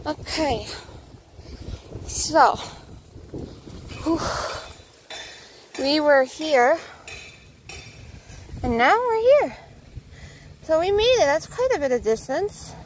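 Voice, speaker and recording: On a suburban path outdoors, a young woman vlogs casually while walking, phone at arm's length, a bit out of breath. She has a high voice with lively intonation, drawing out her words and leaving long pauses, and there's slight background noise.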